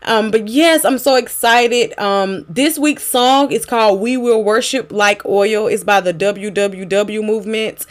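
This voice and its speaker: Female podcast host, mid-range pitch, casual, encouraging, exhortative, devotional talk. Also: unhurried, few pauses.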